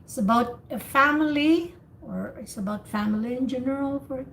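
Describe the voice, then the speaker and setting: A woman hosts an online English speaking practice over a group call, asking questions and offering simple explanations and corrections as the teacher. Her voice sits high and gravelly at a moderate pace, and the recording is rough. Faint background noise from the online call can be heard.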